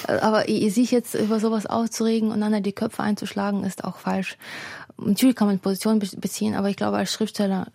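Gravelly, husky Ukrainian woman writer. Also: medium pitch, dark tone, no echo. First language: Russian. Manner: hesitant, many fillers and restarts. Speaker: writer, interview guest. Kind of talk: reflective interview answers.

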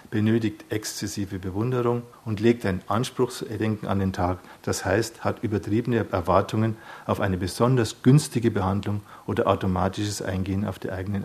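A man with a low voice that has a breathy, husky grain. He talks as a psychotherapist and explains things calmly. He often rephrases himself mid-sentence and adds tag questions. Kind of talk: calm explanatory talk.

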